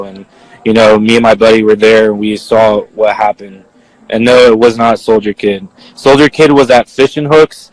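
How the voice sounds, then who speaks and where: Halting young man telling what he saw. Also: lowish voice, rough recording. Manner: halting, filler-heavy, leans on "like". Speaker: eyewitness answering viewer questions. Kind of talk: casual spoken account.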